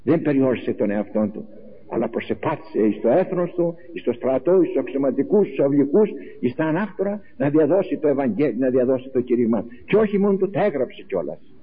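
A man's voice: mid-range voice, animated. A man preaching an Orthodox-style sermon, passionate, full of rhetorical questions and acted-out quotes. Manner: impassioned, rhetorical questions, acts out quoted voices. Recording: tinny lo-fi recording with faint hiss.

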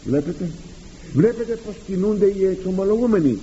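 A Greek priest giving a sermon to his congregation, animated and rhetorical, acting out quoted exchanges with the faithful. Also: high-pitched, lo-fi sound, slight background noise. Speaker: priest and confessor.

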